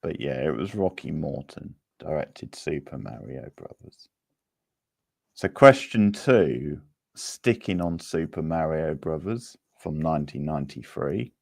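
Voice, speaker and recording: A quiz host with a very deep, creaky voice chats casually with participants, answering them as he reads out the questions. The recording is studio quality with no room sound.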